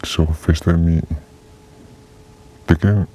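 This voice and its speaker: An anonymous speaker from the Solomon Islands with a Pijin accent, whose voice is altered to sound very deep, speaking haltingly in a confessional interview. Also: steady tone, warm tone. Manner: slow, halting, with long pauses. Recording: dull lo-fi disguised audio.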